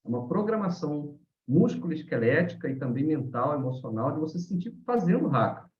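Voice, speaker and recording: Animated Brazilian man in a roomy room. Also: on the high side, fairly quick. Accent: Brazilian Portuguese. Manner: animated storyteller, many "né?" tags. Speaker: guest teacher of haka. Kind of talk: live online talk, answering questions. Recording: roomy, dull lo-fi sound.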